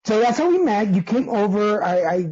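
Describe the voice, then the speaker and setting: A man's voice: sits high, very animated, normal speed, a little mellow, slightly rough, no echo, muffled recording. A man hosting a casual interview podcast, hesitant and full of fillers. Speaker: podcast host.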